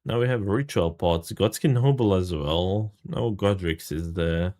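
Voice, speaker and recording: A man's voice: low-pitched, a little slow, mellow. A man from Serbia, casually commentating a live game stream, greeting chat and swearing freely.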